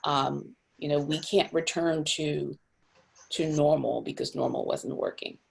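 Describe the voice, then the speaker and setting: A low-pitched woman with a heavily gravelly, husky voice, from Cameroon, speaking on a video call. She is a young nonprofit director who talks thoughtfully, pausing with fillers and restarting her sentences. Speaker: executive director of a housing nonprofit.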